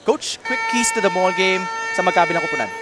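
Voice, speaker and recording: High-pitched Filipino male basketball commentator. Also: animated, quick pace, very noisy. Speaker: play-by-play sportscaster.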